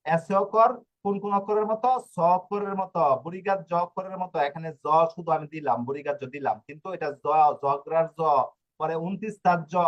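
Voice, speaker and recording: With the highs cut off in the recording, a high-voiced man teaches Italian letters to Bengali learners. Repetition marks his style, and he keeps interrupting himself with "ঠিক আছे?" to confirm students are with him.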